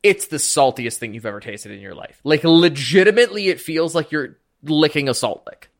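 A man's voice: on the high side, expressive, a little fast. A man running a tabletop game as game master, narrating with hesitant fillers.

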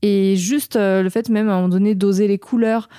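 A woman's voice: medium pitch, fairly even intonation, fairly quick, warm tone, smooth, no room sound, clean studio sound. A woman speaking casually as the host of a conversational podcast.

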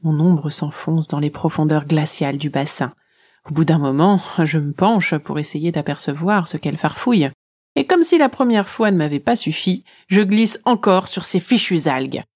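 A woman telling a children's adventure story in the first person with vivid, expressive narration. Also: low-pitched, normal speed, dry recording, studio quality.

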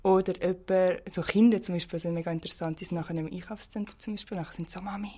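A woman with a Swiss German accent talks quickly in a lowish voice, chatting frankly as a guest. She often restarts her sentences mid-thought. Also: steady tone, warm tone. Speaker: interview guest. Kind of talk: casual personal conversation.

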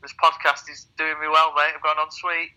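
A man's voice: fairly high pitch, little pitch movement, brisk, bright, forceful tone. A man with a cold, heard through a phone speaker, rambling and joking crudely in casual chat. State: has a cold. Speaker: podcast co-host. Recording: phone call played on speakerphone.

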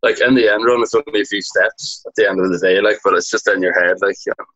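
A man's voice: lowish voice, fairly even intonation, quick pace, fairly bright tone, husky, muffled recording. A man in his twenties with a Donegal Irish accent, chatting casually and colloquially as a guest, peppering his sentences with "like". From Donegal, north-west Ireland. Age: 20s. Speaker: podcast guest, amateur Gaelic footballer. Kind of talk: casual chat.

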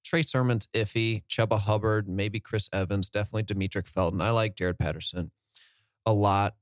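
Low-voiced man in relaxed sports chat. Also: a little fast, no room sound, clean studio sound. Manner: relaxed, fills with "like", lists stats. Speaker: podcast co-host.

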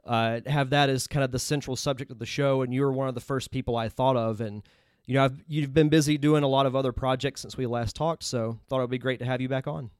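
A man's voice: mid-range voice, fairly even intonation, quick pace, clean tone, no echo, studio quality. A man hosting a podcast while fighting a cold, his voice stuffy and a little nasal, chatting upbeat with plenty of fillers. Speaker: podcast host. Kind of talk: casual podcast interview.

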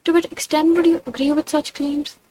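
A woman's voice: high voice, flat delivery, a little fast, mellow, a little hiss or hum, rough recording. A woman hosting an interview, reading formal prepared questions. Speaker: interview host.

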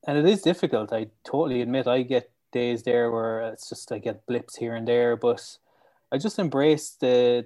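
A man's voice: medium pitch, darkish tone, no room sound. An Irish man chatting casually as a podcast guest, upbeat and earnest. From County Clare, Ireland. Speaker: podcast guest, mental health educator. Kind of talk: casual interview chat. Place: room at home, on a remote call.

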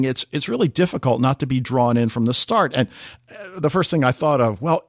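A man's voice: mid-range voice, no echo, clean studio sound. A man co-hosting a podcast, chatting casually and telling stories with animation. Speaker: podcast co-host.

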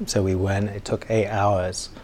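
A man from England, an architect guest, telling stories in a relaxed way with fillers in an office interview. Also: on the low side, measured pace, slight background noise. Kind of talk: casual interview conversation. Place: university office.

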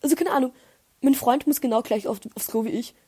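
A woman's voice: fairly high pitch, fast, breathy edge. Chatty young woman with an Austrian accent. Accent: Austrian German. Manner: chatty storytelling with animated rants. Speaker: podcast host. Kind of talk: casual chat.

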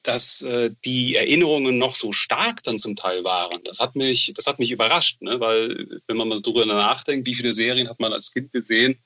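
This enthusiastic author from Bonn, western Germany, reminisces casually as an interview guest and frequently seeks agreement through tag questions. He speaks in a mid-range, pushed and bright voice at a moderate pace, barely pausing.

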